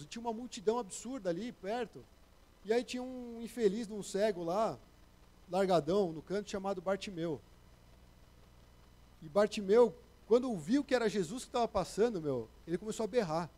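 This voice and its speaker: A man's voice: sits high, dark tone. A young man preaching a casual, conversational sermon into a microphone, slangy and acting out the voices he quotes.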